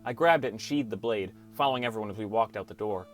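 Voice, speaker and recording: A man with a lowish, natural-sounding voice talks fast. He's acting as a dejected teenage boy giving a reflective, wry, understated first-person audiobook narration of his gaming adventure, backed by music.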